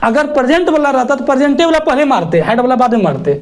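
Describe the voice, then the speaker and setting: A male teacher with a very high-pitched voice leads an exam-prep grammar lesson fast, in a lively, teasing manner. He scolds using rhetorical questions and spells words out letter by letter.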